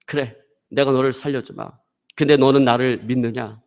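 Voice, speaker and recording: A man pastor voicing God as a calm, gentle presence, speaking low, soft and slow. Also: creaky, natural voice. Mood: solemn.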